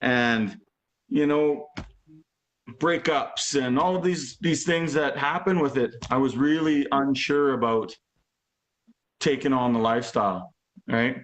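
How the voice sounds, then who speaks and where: Speaking slowly and pausing often, this Albertan man in his forties has a medium-pitched, fairly bright voice. He's a guest drummer on a video call, chatting loosely and filling his talk with "like" and "you know."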